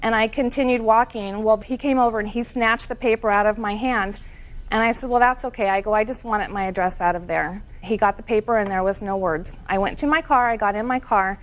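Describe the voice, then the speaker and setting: A woman's voice: medium pitch, fairly quick. Earnest woman giving court testimony. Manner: earnest, detailed, defensive. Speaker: plaintiff.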